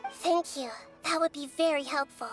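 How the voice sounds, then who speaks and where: A woman voicing a gentle little girl deity. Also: high voice, steady tone, moderate pace, natural voice. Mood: polite. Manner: polite, earnest. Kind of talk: video game voice acting. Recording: game music underneath.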